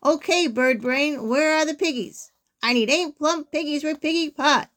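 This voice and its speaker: Woman doing a shrill, greedy cackling witch. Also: moderate pace, fairly bright tone. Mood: bossy demanding. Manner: exclamatory, bossy, insult-slinging. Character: greedy, bad-tempered cackling witch hunting pigs.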